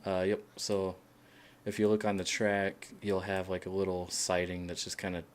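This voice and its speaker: A man streaming a game, chatting casually with other players in a relaxed, hesitant way with many fillers. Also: low voice, normal speed. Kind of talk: casual voice chat while playing.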